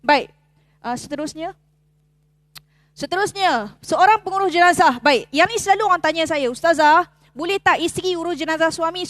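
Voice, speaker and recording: A middle-aged woman with a Malaysian Malay accent teaches a class, her high voice recorded close and dry with almost no room sound. She tells stories in an animated way and acts out the other people's voices as she goes. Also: no room sound. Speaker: religious teacher leading a funeral-rites course. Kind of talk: storytelling lecture to a class. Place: mosque.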